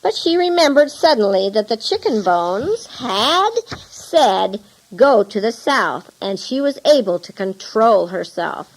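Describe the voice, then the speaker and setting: Slow, higher-voiced woman reading a story. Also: a little hiss or hum, poor audio. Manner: calm, measured storytelling. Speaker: audiobook reader. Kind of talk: scripted narration of a true mission story.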